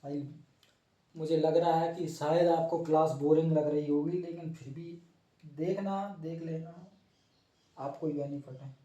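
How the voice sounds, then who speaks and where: A man's voice: a little high, steady tone, a little slow, warm tone, distant mic. A young man teaching a class informally, joking and teasing himself and his students as he draws. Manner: playful, self-mocking, chatty. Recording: echoey room, voice from off-mic.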